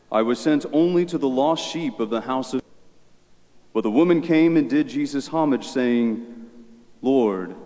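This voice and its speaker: Priest with a long cathedral echo. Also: male voice, mid-range voice, a little mellow. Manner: measured liturgical reading, then earnest storytelling. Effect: cathedral echo, long church reverb. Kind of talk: gospel reading and homily. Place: large church. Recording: echoey church with long reverb.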